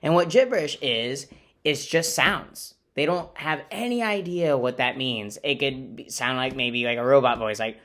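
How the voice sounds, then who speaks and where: A man's voice: medium pitch, moderate pace, fairly bright tone. Friendly man reading a picture book. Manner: friendly, explains to kids, playful sound effects. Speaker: teacher reading aloud. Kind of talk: children's read-aloud.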